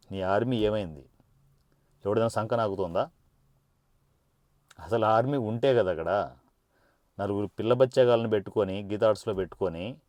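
A man's voice: fairly low pitch, dark tone, no room sound. A man, a political party supporter, delivers an angry and taunting rant that he speaks straight at his target, with threats in it. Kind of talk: angry direct-address rant.

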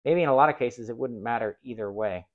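The lo-fi phone clip, close-miked with no room sound, has a DIY channel host in his forties talking quickly at medium pitch. He tests a tool hands-on, casually thinking aloud and restarting, outdoors on gravel and inside a workshop.

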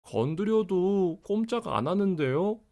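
A man acts out a small, worried animal child from a picture book. The pitch sits high and swings about anxiously, while each word stays very clearly enunciated. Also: expressive, unhurried, darkish tone. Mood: worried, alarmed. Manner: carefully enunciated. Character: anxious young child animal Ferdy, fretting over caterpillar.

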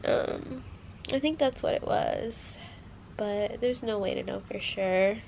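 Holding a camera at arm's length in a hotel room and shop, a twenty-something woman chats her way through a casual travel vlog, saying "like" constantly. Her mid-range voice is gravelly, a little mellow and slightly nasal from a cold, and she takes it slowly; the recording is rough, with a little hiss or hum.

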